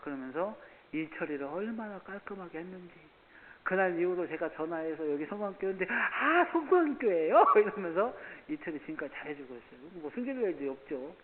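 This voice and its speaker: A man preaching a sermon, swinging between loud passionate exhortation and quiet asides, acting out dialogue as he tells stories. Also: on the high side, quick pace. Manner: impassioned, swings from shouting to hushed asides; storytelling, acts out dialogue. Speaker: pastor. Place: church sanctuary. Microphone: church CCTV camera audio. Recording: tinny distant CCTV audio with long reverb and hiss.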